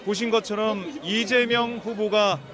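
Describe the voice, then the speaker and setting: A man's voice: high voice, a little slow. A man giving live broadcast commentary as a news reporter. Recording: crowd and music behind, outdoor-like ambience. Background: crowd noise and music.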